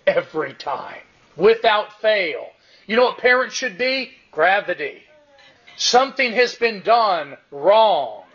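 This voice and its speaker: A high-pitched man preaches with a husky grain in his voice. He is emphatic and repeats his key lines, slowing down to drive each point home. The recording sounds dull and lo-fi. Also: a bit bright. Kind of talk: sermon.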